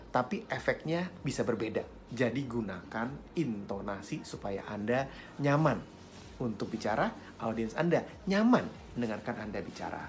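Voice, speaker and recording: A man teaching public speaking in a friendly, lively way, swinging his pitch up and down to show intonation. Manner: friendly, chuckles between points. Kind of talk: instructional talk to camera.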